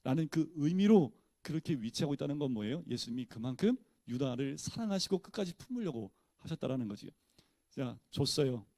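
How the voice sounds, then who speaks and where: A man's voice: mid-range voice, expressive, a little fast, mellow, no echo. A male pastor teaching a Bible study in a casual, conversational way, often posing questions to his listeners and answering them himself.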